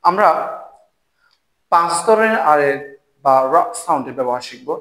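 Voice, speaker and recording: A man teaching English pronunciation to Bengali speakers. He explains clearly and encouragingly and repeats each example word slowly three times for viewers to repeat. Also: fairly high pitch, animated, bright, forceful tone. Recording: echoey room.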